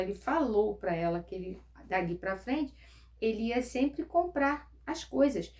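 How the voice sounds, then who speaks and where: A woman teacher talks her pupils through a grammar review at a patient pace. She repeats key words slowly and addresses the class directly. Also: mid-range voice, darkish tone. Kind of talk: recorded lesson reviewing school grammar.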